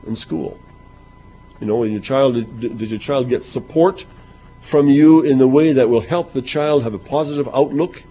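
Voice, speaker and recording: A man's voice: medium pitch, mellow, breathy edge. A man preaching a sermon to his congregation. He talks conversationally, repeats himself and asks rhetorical questions. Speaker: minister. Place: church hall. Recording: muffled lo-fi recording.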